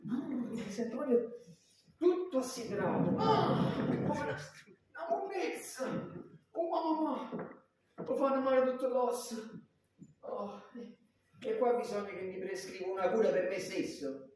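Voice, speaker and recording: A man's voice: very high voice, a little slow, darkish tone. Man playing flustered farce doctor, Neapolitan accent, stammering excuses, exasperated, very echoey hall, far from the mic. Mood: fretful, grumbling. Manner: stammering, repeating words as he makes excuses. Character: flustered philandering male doctor, evasive and exasperated. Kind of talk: Neapolitan dialect stage farce. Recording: echoey stage, distant mic, faint noise.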